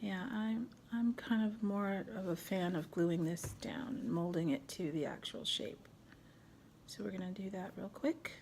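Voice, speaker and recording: A woman's voice: mid-range voice, unhurried, gravelly, darkish tone, slight background noise. A middle-aged woman hosting a casual crafting tutorial at home, chatting and thinking aloud as she works. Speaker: craft video host.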